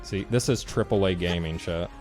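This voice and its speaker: A man's voice: sits low, moderate pace, a little mellow, soft background music. A man streamer giving a casual, rambling, sarcastic rant about a game.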